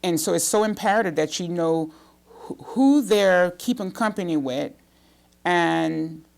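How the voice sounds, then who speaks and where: A woman's voice: on the low side, animated, a little slow, creaky, darkish tone. A woman in her fifties from the Bahamas, a guest telling her story plainly and earnestly in a studio interview. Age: 50s. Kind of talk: talk show interview.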